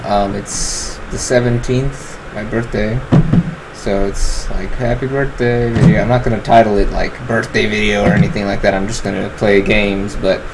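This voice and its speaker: A twenty-year-old gaming channel host gives relaxed commentary over his gameplay, rambling through lots of fillers as he works out what to craft. His voice is fairly low at a normal speed, with background noise behind it.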